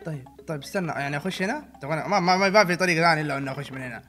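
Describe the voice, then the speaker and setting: A young man giving let's-play commentary, switching between muttering and loud outbursts. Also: fairly high pitch, very fast, faint music behind. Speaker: gaming channel host.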